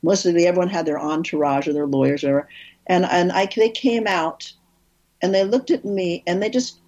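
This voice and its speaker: A woman film director appears as an interview guest, telling animated stories in casual conversation and often restarting her sentences. Her voice is low and husky, her pace moderate, and the audio sounds dull.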